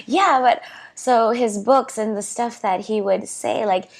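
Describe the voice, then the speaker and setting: A woman's voice: fairly high pitch, a little slow, creaky, slight background noise. A young woman guest in a casual interview, talking with her hands and rambling through lots of fillers on a clip-on mic. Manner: rambling, many "like" and "you know what I mean" fillers.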